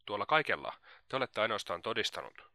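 A man's voice: fairly low pitch, sing-song, pushed and bright, no room sound, clean studio sound, exaggerated voice. A man reading as a witty, spirited young woman. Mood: teasing.

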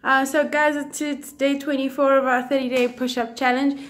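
A woman's voice: high voice, little pitch movement, moderate pace, fairly bright tone. A young woman chatting casually to viewers as a fitness vlogger, recorded on a phone at home. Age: young adult. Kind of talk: casual vlog talk to viewers. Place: home living room with tiled floor. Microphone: phone at arm's length. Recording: echoey room.

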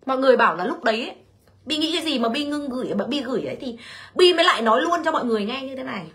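A woman's voice: high-pitched, lively intonation, racing, a bit bright. A woman hosting a casual livestream, telling her own story bluntly and animatedly while speaking straight to her viewers.

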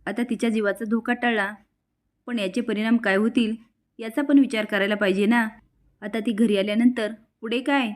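A woman's voice: a little high, fairly even intonation, moderate pace, close to an everyday voice. A woman voicing a caring, worried middle-aged aunt in a serial recap, talking in an earnest, pleading way.

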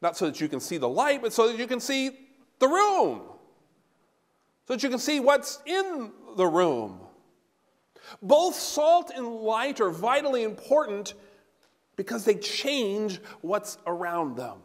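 A middle-aged pastor with a high-pitched voice preaches an animated sermon, pacing in front of the altar. His voice carries through a large sanctuary and trails off in a long reverb, picked up from a distance. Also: unhurried. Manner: animated, gesturing, walking about while preaching. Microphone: no handheld mic, recorded from a far camera.

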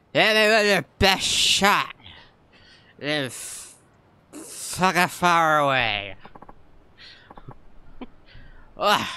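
A man's voice: on the high side, big pitch swings, very slow, pauses often, pushed and bright, clean tone. A man streaming a video game, giving laid-back, joking commentary and swearing freely. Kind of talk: gameplay commentary.

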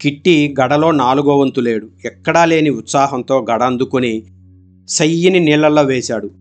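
A male narrator reads a village story aloud in a steady, expressive audiobook style. His voice sits at an ordinary middle pitch, and soft music plays faintly underneath the narration. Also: moderate pace.

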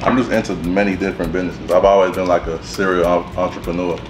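A young man hosting a relaxed, casual mukbang chat at a dinner table, laughing often. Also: sits low, fast talker, background noise. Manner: laid-back, laughs often. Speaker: host. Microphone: camera across the table. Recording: echoey room with music.

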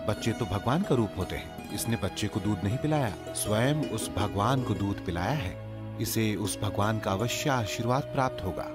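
A man's voice: lowish voice, expressive, normal speed, natural voice. A man dubbing a devout village priest who speaks in a solemn, pious way. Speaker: temple priest. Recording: film soundtrack with loud music.

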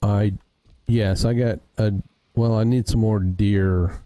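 A man's voice: fairly low pitch, fairly even intonation, slow, mellow, no echo. A man hosting a casual gaming livestream, thinking aloud as he fiddles with his audio settings. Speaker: streamer host.

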